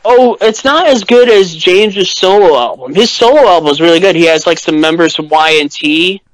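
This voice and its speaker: A man's voice: high-pitched, lively intonation, moderate pace, no echo, low-quality recording. A man guesting on a podcast, chatting casually about rock bands and rambling with lots of "like" and restarts.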